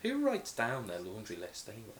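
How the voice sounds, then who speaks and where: A man's voice: fairly low pitch, huge pitch swings, noisy background. A man co-hosting a casual commentary chat, joking and talking over the others. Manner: quick, joking, with restarts and laughs. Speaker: podcast co-host.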